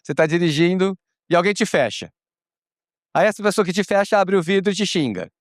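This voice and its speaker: Animated Brazilian man on a conference stage. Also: high-pitched, fairly quick, no echo, studio quality. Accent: Brazilian Portuguese. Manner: expressive, acts out little dialogues, casual swearing. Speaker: panelist speaker. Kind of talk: animated panel talk.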